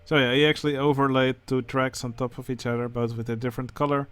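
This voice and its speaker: A man with a Dutch accent, speaking English as a second language, who hosts a channel and comments casually on game contest entries, pausing often with filler sounds. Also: medium pitch, little pitch movement, a bit bright, clear, resonant tone, dry recording. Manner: hesitant, many filler sounds. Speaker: channel host judging a building contest.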